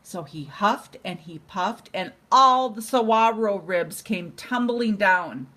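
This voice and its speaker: A grandmother with a medium-pitched voice reads a bedtime storybook aloud to a child, taking her time and reading expressively.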